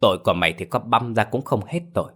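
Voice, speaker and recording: A man voicing a stern, protective old village father who scolds harshly in a low voice. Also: fast, fairly bright tone. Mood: angry.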